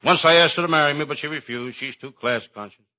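An actor playing a wisecracking hard-boiled cop detective with deadpan delivery in an old-time radio comedy. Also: male voice, fairly high pitch, fast. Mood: wry. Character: wisecracking hard-boiled private-eye cop, Sam Shovel. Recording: muffled, very noisy old radio recording.

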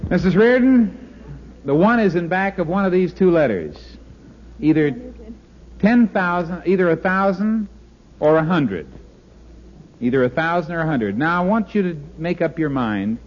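A man's voice: fairly high pitch, animated, moderate pace, pauses often. A man hosting an old radio quiz show in a joking, coaxing way, heard from an old broadcast disc recording. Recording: dull lo-fi old radio disc with faint hiss.

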